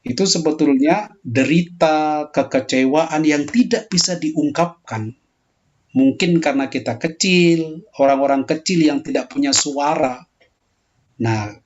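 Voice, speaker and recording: A man lecturing calmly in a pastoral theology talk, answering a question, and lifting his voice when he acts out quoted prayers. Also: mid-range voice, lo-fi sound. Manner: explains calmly, voicing heated quoted prayers more loudly.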